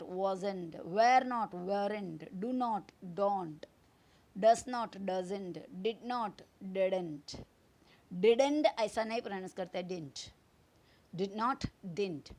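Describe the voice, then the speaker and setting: A woman from India, teaching grammar in a video lesson, repeating each form and spelling words out. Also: medium pitch. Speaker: English teacher.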